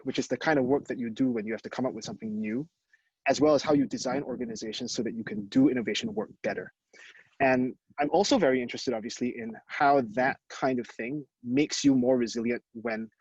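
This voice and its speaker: A man's voice: mid-range voice, creaky, darkish tone, slightly rough, dry recording. A man from Singapore, a professor, presenting fluently over a video call from an outdoor deck. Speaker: guest speaker, professor. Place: outdoor deck in rural countryside. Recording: dull, dry call audio.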